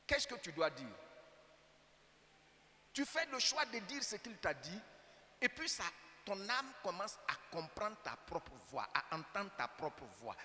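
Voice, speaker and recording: Bright Ivorian preacher in a reverberant church. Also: male voice, sits high, big pitch swings, measured pace, long pauses. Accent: Ivorian French. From Côte d'Ivoire. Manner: emphatic preaching with rhetorical questions to the congregation. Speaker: pastor. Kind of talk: sermon. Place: church sanctuary. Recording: church hall reverb with faint hum.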